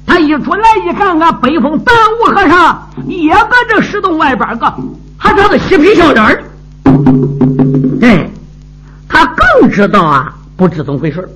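A male storyteller narrating a martial arts tale in a traditional, lively and dramatic way. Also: extremely high pitch, fairly quick. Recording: dull lo-fi with music.

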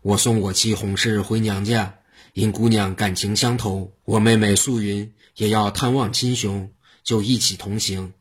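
Man doing a sad young scholar, pleading, low husky tone. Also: fairly even intonation, unhurried. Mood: sorrowful. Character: distressed young scholar, robbed traveler.

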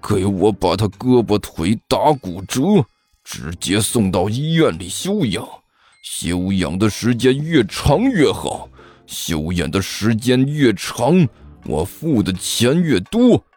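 A man voicing a vengeful, menacing rich schoolboy who speaks in slow, low threats. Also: wildly swooping pitch, darkish tone, breathy edge, faint music behind, full character voice.

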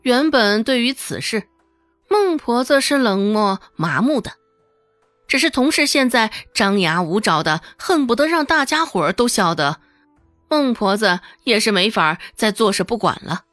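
A woman tells a serialized novel as an audiobook, with a fairly high voice that moves lively up and down. The sound is dry and close. Faint background music plays under her narration. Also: normal speed, no echo. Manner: lively storytelling, voicing every character.

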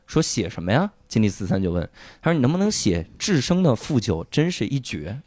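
A man casually retelling a drama's plot on a chat show, acting out the characters' lines and bursting into loud swearing at the emotional moments. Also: medium pitch, brisk, dry recording, studio quality. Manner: animated storytelling, acts out lines with loud swearing outbursts. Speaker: podcast co-host.

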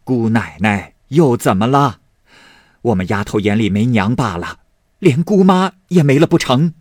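A man voicing a furious, loud-mouthed mother hurling abuse at her daughter, in a storybook reading. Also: mid-range voice, animated, unhurried, no room sound, clean studio sound. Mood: nagging. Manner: yelling, coarse abuse.

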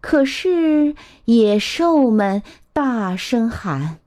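Slow, lively woman reading a picture book. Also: a little high. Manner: gentle, expressive, drawn-out phrasing. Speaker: children's storyteller.

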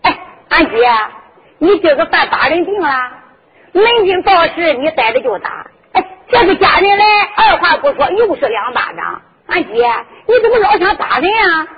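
A woman doing a gentle coaxing younger sister. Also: extremely high pitch, very animated, moderate pace, slight background noise, voice pushed up. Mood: pleading. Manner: coaxing, soft-spoken. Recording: dull lo-fi with music behind.

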